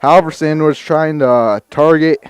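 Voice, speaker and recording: Casting: male local sports announcer, out of breath, crisp slightly high voice, live play-by-play. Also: normal speed, dry recording. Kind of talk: live high school football commentary.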